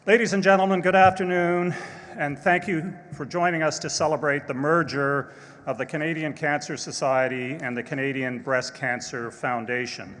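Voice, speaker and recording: A man speaking as board chair, delivering a formal speech in a measured way with occasional fillers. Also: medium pitch, fairly even intonation, a bit bright. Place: large event hall. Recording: long hall reverb, faint noise.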